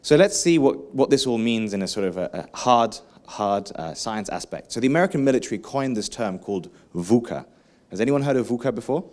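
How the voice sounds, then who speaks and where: A man giving a lively conference keynote, engaging the audience with questions and frequent asides. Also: mid-range voice, fairly quick. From England. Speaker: keynote speaker.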